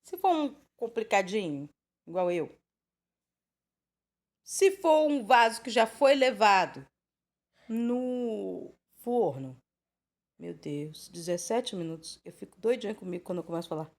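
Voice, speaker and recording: A woman's voice: medium pitch, expressive, a little slow, long pauses. A woman in her twenties or thirties from Brazil giving an informal Bible teaching, chatty and rambling, full of rhetorical questions. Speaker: preacher.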